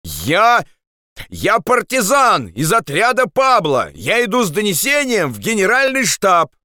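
A man's voice: fairly high pitch, big pitch swings, unhurried, no room sound, studio quality, voice pushed up, full character voice. Man doing a frantic pleading partisan. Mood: desperate shouting. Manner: pleading, shouting, exasperated. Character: desperate young male partisan messenger.

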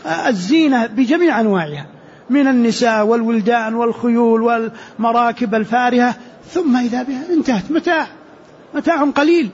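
A man teaching Quran commentary in a lesson, explaining slowly, repeating key phrases and asking rhetorical questions. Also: very high-pitched, darkish tone. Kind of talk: classroom commentary on scripture. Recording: dull lo-fi lecture recording.

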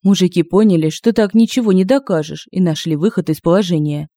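A woman narrating a humorous fantasy audiobook in a lively, expressive way on a close home mic. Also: lowish voice, brisk, dry recording. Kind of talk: scripted narration. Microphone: close mic, home recording.

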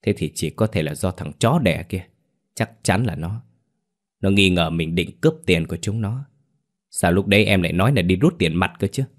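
A man's voice: low-pitched, normal speed. A man voicing a snarling, cursing cheated husband. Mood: scheming. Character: furious scheming husband, middle-aged man.

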